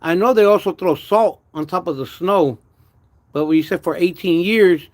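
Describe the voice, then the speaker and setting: A man with a slurred, wet lisp from missing front teeth, chatting casually and haltingly in slangy speech as a car vlogger. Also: high-pitched. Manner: halting, stammered repetitions with pauses to manage saliva; slangy, uses "homie" and "dog", drops in Spanish words. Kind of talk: casual livestream chat about car work.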